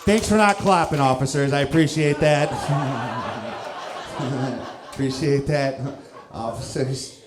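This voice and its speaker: Holding a handheld mic on a club stage, this thirtysomething comic from St. Louis, Missouri speaks slowly at a medium pitch. The room echoes and the crowd is audible, and he keeps things loose and self-deprecating with little chuckles between bits.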